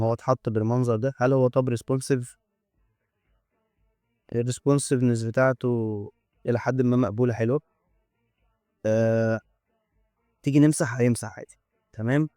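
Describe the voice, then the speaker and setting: An Egyptian man narrates a hands-on coding demo in a relaxed, chatty way. He thinks out loud and slips in joking remarks, with a mid-range voice. The sound is dry and close, with no room echo. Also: mid-range voice, fairly quick, long pauses. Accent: Egyptian Arabic. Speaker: tech YouTuber. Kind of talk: casual screen-recorded coding demo.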